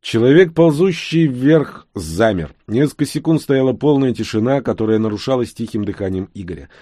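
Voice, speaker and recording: A man narrating an audiobook in a steady, tense storytelling manner. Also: mid-range voice, moderate pace, no echo, clean studio sound. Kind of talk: scripted narration.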